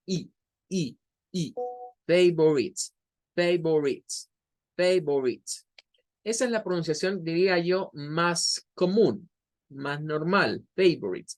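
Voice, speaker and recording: A man teaching a beginner English class, explaining step by step and repeating words slowly for students to copy. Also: a little high. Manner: patient, repeats pronunciation drills. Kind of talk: online class lecture.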